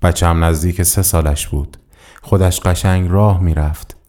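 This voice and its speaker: Deep-voiced man reading a somber story. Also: fairly even intonation, dark tone. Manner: measured, somber storytelling in the first person. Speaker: audiobook reader. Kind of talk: scripted literary narration.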